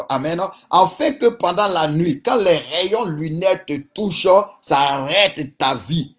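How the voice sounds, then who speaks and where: A man preaching a sermon and leading prayer, fervent, with repeated declarations and frequent interjections. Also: a little high.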